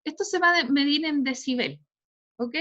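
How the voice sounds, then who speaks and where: A woman's voice: sits high, normal speed, pushed and bright. Chilean woman teacher, "¿cierto?" after every phrase. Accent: Chilean Spanish. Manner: tags nearly every phrase with a questioning "¿cierto?" or "¿ya?". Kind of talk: online class lecture. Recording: dull lo-fi online class audio.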